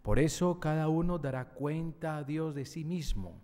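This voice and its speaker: A reverberant church echo surrounds a middle-aged man reading scripture at a lectern. His voice is mellow and a little higher than average. He reads solemnly, as a lector at Mass. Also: lively intonation, moderate pace. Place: indoor chapel. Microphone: gooseneck lectern microphone. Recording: echoey church hall reverb.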